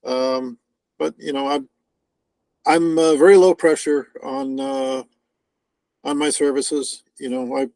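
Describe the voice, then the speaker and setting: Soft-spoken man on a dry call. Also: mid-range voice, steady tone, slow pace, pauses often, no room sound, low-quality recording. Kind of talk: casual video-call chat. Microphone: video call.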